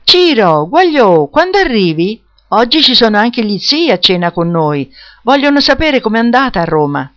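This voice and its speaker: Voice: lively intonation, moderate pace, few pauses, a bit bright, clean tone, no echo, clean studio sound, lightly acted. A reader voicing a cheerful, chatty middle-aged mother from Naples in an audiobook. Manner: exuberant, chatty, high-spirited. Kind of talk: audiobook character voice.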